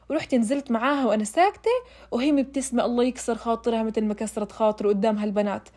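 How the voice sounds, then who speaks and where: A woman's voice: sits high, a little mellow. A young woman telling her own story in a casual, emotional way, speaking straight to her listeners. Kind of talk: casual first-person storytelling.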